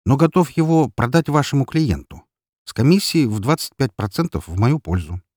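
A male audiobook reader voicing a calm, hard-bargaining male businessman who speaks in a measured, firm way, a bit higher than his narration. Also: no echo, studio quality.

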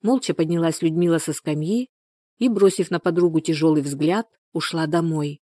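A woman reads a dramatic story in a steady, measured way, her voice mellow and warm. The recording is close and dry, with no room sound. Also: low-pitched, no room sound. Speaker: narrator. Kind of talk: scripted audiobook narration.

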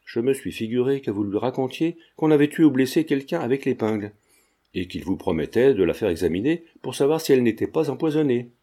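A man's voice: medium pitch, expressive, fairly quick, mellow, natural voice. A man voicing a genial old retired druggist who feigns deafness, talking in a sly, affable way.

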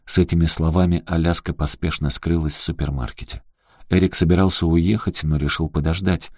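A man reading a novel aloud as an audiobook narrator, in a measured, even way. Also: deep voice, no room sound, studio quality. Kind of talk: scripted narration.

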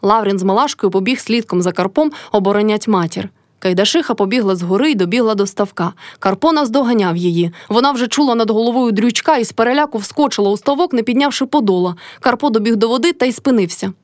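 A woman narrating a classic novel in an expressive audiobook reading. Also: fairly high pitch, fast, no room sound, clean studio sound. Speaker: reader.

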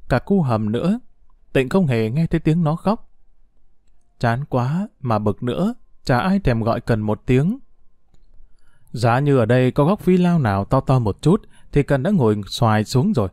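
A man narrating a story in an audiobook, in an expressive, dramatic way. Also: medium pitch, no room sound, clean studio sound.

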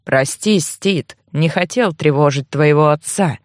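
A woman voicing the ghost of a frail, hunched old man who speaks slowly and creakily. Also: low-pitched, no echo, studio quality, pitched below the performer's own voice. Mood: sorrowful. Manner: slow, creaky, whispery farewell.

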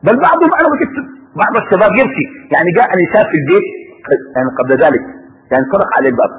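A man with a Sudanese Arabic accent teaching a religious lesson to students, animated, posing questions to the class and answering them himself. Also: sits high, racing, slight background noise. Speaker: Islamic scholar teaching a class. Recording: reverberant hall, dull lo-fi sound.

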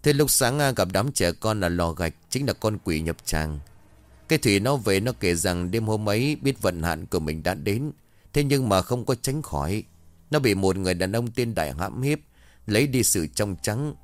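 A man voices an old village exorcist, calm and grave. He speaks in a deep, low voice with solemn, measured explanations. The sound is dry and close. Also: dry recording, natural voice.

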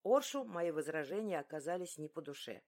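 A woman narrating a first-person story in an expressive, animated reading style. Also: low voice, fairly quick. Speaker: audiobook narrator.

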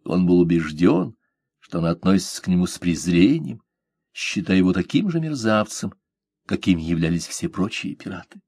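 Male narrator, low voice, steady measured reading, dry close sound. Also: husky, no echo. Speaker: audiobook narrator. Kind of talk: scripted narration.

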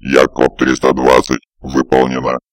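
A man voicing an emotionless male combat robot that speaks in gravelly, clipped monotone reports for an audiobook. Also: a bass voice, measured pace, dry recording, studio quality, voice pushed down. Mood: flat robotic. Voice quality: gravelly, creaky. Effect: heard through the robot's external speaker. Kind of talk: audiobook narration.

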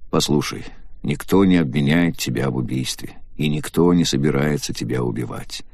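A male reader voicing a strong young man who speaks firmly to steady a frightened friend in an audiobook. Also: deep voice, fairly quick, husky, dry recording, clean studio sound, heavily acted. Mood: soothing. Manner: firm, steadying. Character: strong young man, stern but calming.

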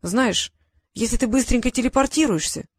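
A woman's voice: a little high, normal speed, no echo, voice pushed up, lightly acted. A timid young dragon boy from a storybook, apologetic and downcast, as a woman reads him. Close, dry recording. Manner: guilty, sad.

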